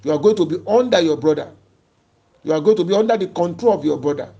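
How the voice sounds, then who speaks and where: A man's voice: fairly high pitch, fast, gravelly, mellow, lo-fi sound. A man preacher voicing an aged father in a retold scripture story, repeating his ruling insistently. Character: aged blind father, grieved and firm.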